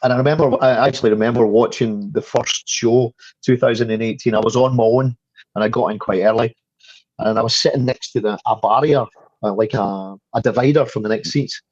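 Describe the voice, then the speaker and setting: A man's voice: mid-range voice, steady tone, brisk, a little mellow, dry recording. A Scottish man talking casually as a podcast guest, repeating words as he gets going. His voice sits in the middle range. The audio is dull and lo-fi, with a dry sound. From Scotland. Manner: repeats words when starting sentences, chatty. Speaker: guest, fundraiser. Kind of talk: casual chat.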